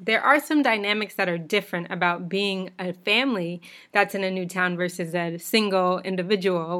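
A woman's voice: mid-range voice, a bit bright. Chatty woman hosting a solo podcast. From United States. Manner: chatty and informal, with small laughs and restarts. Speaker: podcast host.

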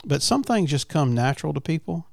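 Casual male host on a farm, creaky low-key talker, dry sound, folksy and halting. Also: very animated, a little mellow, no room sound. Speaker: podcast host. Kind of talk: casual chat. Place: at a family farm.

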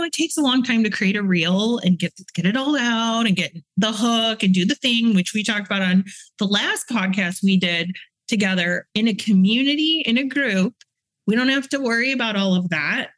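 A woman's voice: medium pitch, fairly bright tone, no room sound, poor audio. A woman guest on a podcast, a business coach explaining how to build online community in a casual, advice-giving way with frequent fillers. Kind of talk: casual interview chat.

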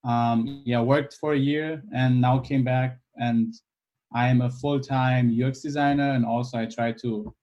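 Relaxed young man from Iran. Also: medium pitch, muffled recording. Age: 20s. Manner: easygoing, thoughtful, many pauses and fillers. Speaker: guest. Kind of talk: casual interview.

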